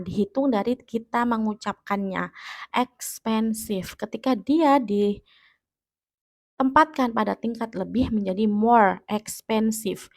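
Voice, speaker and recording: A woman teacher with an Indonesian accent giving a grammar lesson, explaining step by step and checking that students understand. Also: mid-range voice. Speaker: English teacher. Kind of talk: classroom-style grammar lesson.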